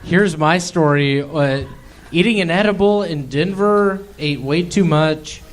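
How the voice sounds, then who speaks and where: Deadpan halting man. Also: on the high side. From Memphis, Tennessee. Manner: halting, deadpan, with many pauses and fillers. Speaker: stand-up comedian. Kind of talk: deadpan absurd stand-up.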